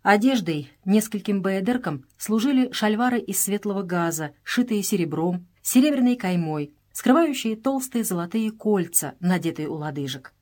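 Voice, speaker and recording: A woman's voice: medium pitch, expressive, normal speed, hardly any pauses, a little mellow. Woman reading a novel aloud. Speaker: narrator.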